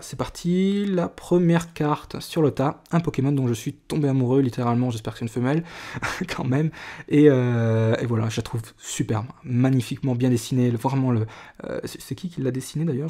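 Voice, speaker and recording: A young man talks casually to his viewers while he opens cards. His voice is mellow and sits at a middle pitch. He chats loosely, with many fillers and restarts. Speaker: card collector vlogger. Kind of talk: casual card-opening video.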